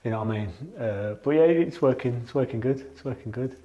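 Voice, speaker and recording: A man's voice: medium pitch, reverberant, muffled recording. A man hosting a podcast, chatting casually and agreeing often. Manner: agreeable, lots of quick affirmations. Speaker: podcast host. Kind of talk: casual interview chat.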